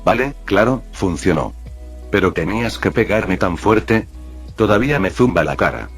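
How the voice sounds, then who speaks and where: A man's voice: fairly low pitch, lively intonation, moderate pace, soft background music. A man reading a shaken teenage boy hero. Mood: upset. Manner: tense, frustrated.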